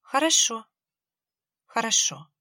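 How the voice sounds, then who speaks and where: A woman voicing a little girl who talks softly and haltingly as if in a dream. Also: a little high, very animated, no echo, studio quality, voice pushed up, full character voice. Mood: dreamy, faint.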